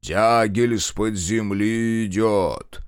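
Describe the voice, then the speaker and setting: A man's voice: fairly low pitch, fairly even intonation, drawn-out words, clean tone, no room sound, studio quality. A man voicing a stocky pompous official who drawls and chants in a trained voice. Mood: chanting.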